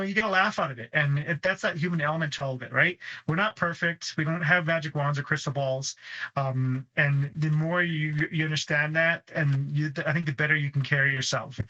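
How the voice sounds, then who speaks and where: Man, podcast co-host, bright tone, a bit high, dull muffled sound, easygoing. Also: steady tone, fairly quick. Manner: easygoing, self-deprecating, many fillers. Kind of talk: casual conversation.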